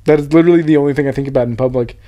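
A man's voice: medium pitch, rapid-fire, mellow. A young man co-hosting a podcast in casual chat, teasing and argumentative, with frequent swearing. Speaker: podcast co-host.

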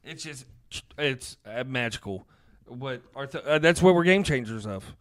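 A man with a Southern US accent chats casually as a podcast co-host. His voice sits at an average pitch, and he talks in a joking, self-deprecating way. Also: expressive, moderate pace.

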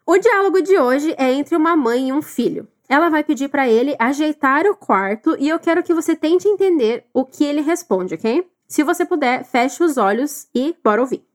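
High-pitched encouraging teacher. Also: female voice, lively intonation. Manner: encouraging, slow repeat-after-me drilling. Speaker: English teacher. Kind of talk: recorded language lesson.

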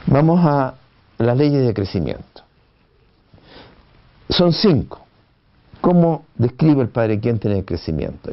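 A man giving an unhurried classroom lecture on education, often pausing with "eh" and tag questions. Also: mid-range voice, gravelly. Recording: dull lo-fi recording.

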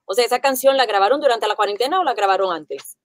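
A woman's voice: on the high side, lively intonation, fast. A woman hosting an interview, asking her guest follow-up questions in a friendly, conversational way. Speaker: interview host.

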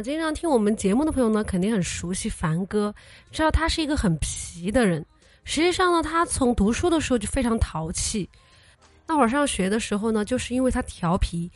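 A woman's voice: fairly high pitch, no echo. A young woman hosting a comedy podcast, telling jokes and anecdotes in a teasing, playful way and acting out the people in them. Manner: teasing, animated, acts out quoted voices. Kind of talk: playful comic storytelling.

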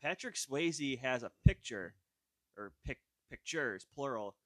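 A man's voice: medium pitch, animated, a little slow, a bit bright, no room sound, studio quality. A man co-hosting a podcast, recapping a film in casual chat with many "like"s and stalls. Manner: recapping a film, filled with "like" and hesitations. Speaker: podcast co-host.

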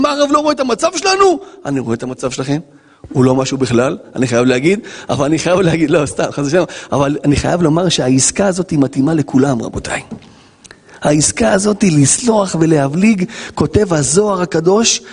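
A man giving a Torah lesson as a rabbi in a yeshiva hall, animated, acting out little dialogues and firing rhetorical questions. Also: on the high side, husky.

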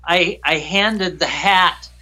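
Emotional man retelling a story, bright voice. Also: sits high. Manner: emotional, halting retelling with repeated phrases. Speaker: guest. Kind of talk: recounting a personal story.

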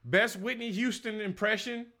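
A man's voice: sits high, steady tone, normal speed, bright, forceful tone. A man hosting a radio talk show, laid-back and slangy in casual chat.

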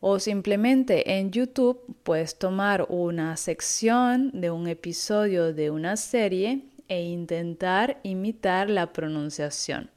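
A woman giving an online Spanish lesson in a clear, patient, instructive way. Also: on the low side, slow, hardly any pauses, a little mellow. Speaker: Spanish teacher.

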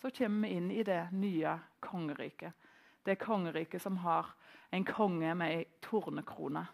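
A middle-aged Norwegian woman preaching in church, telling a personal story in a relaxed, conversational way with pauses and fillers. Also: lowish voice, gravelly.

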